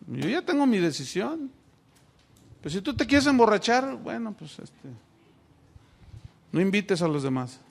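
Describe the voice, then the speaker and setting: A man's voice: sits high, sing-song, a little slow, creaky, long pauses. A middle-aged pastor from Mexico preaching a sermon, asking his congregation rhetorical questions.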